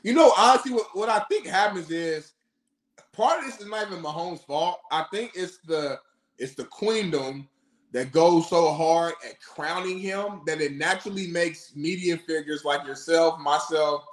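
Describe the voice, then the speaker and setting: Co-hosting a casual sports talk show, this man speaks at a moderate pace in a voice on the high side. He drives his points home with rhetorical questions, and the recording sounds echoing and roomy.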